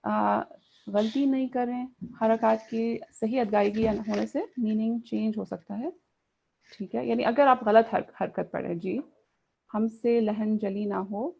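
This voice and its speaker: A woman's voice: mid-range voice, vocal fry, warm tone, husky. Woman teaching an online class, lo-fi. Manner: mixes in English, asks students questions. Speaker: Quran recitation teacher. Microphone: video call.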